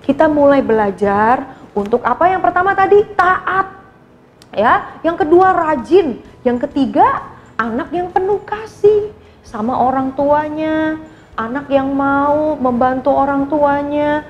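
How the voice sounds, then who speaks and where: A woman's voice: high voice, dull audio, slight background noise. A woman Sunday school teacher telling a story and coaxing children to love their parents.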